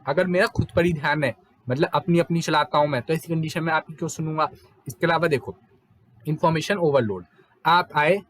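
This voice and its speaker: A young man giving a casual exam-prep lecture, mixing Hindi with English terms and asking rhetorical questions as he teaches. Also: on the high side.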